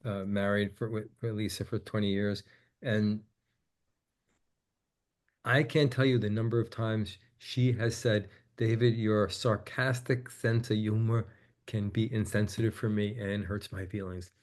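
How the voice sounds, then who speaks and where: A man, a guest on an interview, telling a personal story in a candid, reflective way and growing animated as he quotes his own conversations. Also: fairly low pitch, measured pace.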